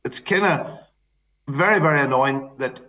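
A man with an Irish accent speaking off the cuff as an interview guest, halting and repeating his phrases. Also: mid-range voice, bright, forceful tone. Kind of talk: campaign interview, spontaneous talk.

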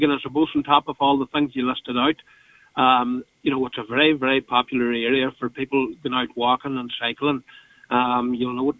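A man with an Irish accent gives an earnest, halting interview answer as a local politician, repeating words as he goes. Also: medium pitch, a little hiss or hum. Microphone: phone call. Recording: tinny, narrow phone line.

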